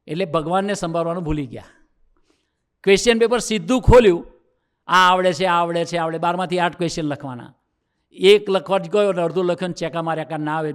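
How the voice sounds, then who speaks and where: A man, a monk, giving a talk to a youth assembly as a personal story, acting out the dialogue and lifting his voice to drive points home. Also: on the high side. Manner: lively storyteller who acts out quoted dialogue and rises for emphasis. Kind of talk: sermon told as a personal story.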